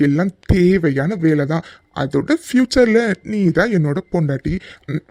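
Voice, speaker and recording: A man's voice: sits high, darkish tone, no room sound, studio quality. Man voicing a cocky, teasing young lover. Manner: playful, boastful teasing.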